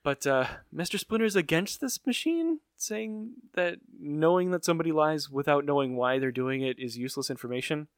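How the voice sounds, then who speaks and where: A man's voice: a little high, expressive, normal speed, few pauses, clean tone, dry recording. A man co-hosting a podcast, recapping a cartoon episode in a tired, sarcastic, casual way. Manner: dry, weary, sarcastic. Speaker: podcast co-host.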